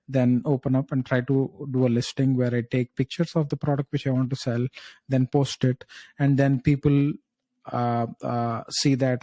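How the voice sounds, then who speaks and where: A man speaking as a job interview candidate, thinking aloud through structured answers with hesitant pauses and frequent checking tags. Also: medium pitch, warm tone, no room sound.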